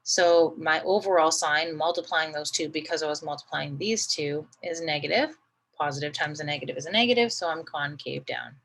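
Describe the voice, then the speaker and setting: A woman's voice: deep voice, brisk, fairly bright tone, low-quality recording. A woman teaching a math lesson, patiently talking through each step and often checking in with "right?".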